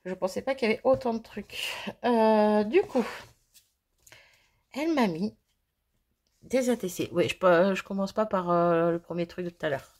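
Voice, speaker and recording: A woman's voice: mid-range voice, normal speed, long pauses, darkish tone. A woman chatting to viewers as she unboxes craft mail, bubbly and self-mocking, gushing over each item. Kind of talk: casual chat to viewers. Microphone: phone.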